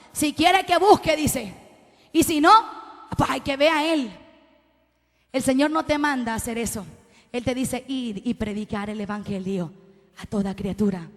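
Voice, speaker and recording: Very high-voiced woman preaching in a church. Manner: impassioned, rising to shouts, asks the congregation. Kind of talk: live Pentecostal sermon. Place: church sanctuary. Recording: live church recording with long reverb and faint music.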